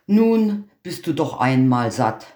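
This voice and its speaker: A man voicing a quick-tempered old tailor in a fairy tale reading, with scolding exclamations. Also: mid-range voice, sing-song, darkish tone. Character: old tailor, quick to anger, stern father. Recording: roomy echo.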